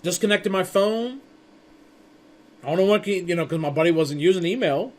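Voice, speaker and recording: A man with a fairly high voice talks through the intro to his networking course. He rambles casually, restarting and tripping over words as he goes, and acts out little conversations as he tells a story. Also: normal speed. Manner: rambling with frequent restarts and stumbles; chatty storytelling with acted-out quotes. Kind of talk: casual spoken lecture.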